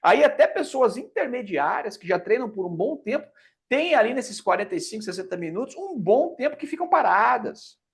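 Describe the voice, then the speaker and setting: A fitness teacher with a Brazilian Portuguese accent gives an explanatory lecture in an extremely high, sing-song, creaky voice at normal speed. His lesson is emphatic and conversational, and he often checks in with his listeners.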